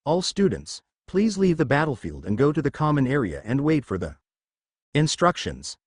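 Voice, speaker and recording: A man's voice: mid-range voice, wildly swooping pitch, normal speed, husky, no room sound, clean studio sound. A man voicing a stern adult exam announcer in a read-aloud story. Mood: formal.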